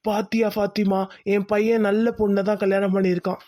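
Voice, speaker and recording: A man voicing a gentle cartoon father, high-voiced. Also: flat delivery, brisk, lightly acted. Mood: pleased. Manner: gentle, reassuring. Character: kind, accepting middle-aged father.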